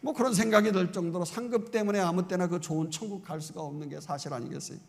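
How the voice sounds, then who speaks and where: A middle-aged man preaching a Sunday sermon as pastor, fervent and emphatic, moving between loud exclamations and conversational questions to the congregation. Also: sits high, fast talker, creaky. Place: church sanctuary. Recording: long church-hall reverb.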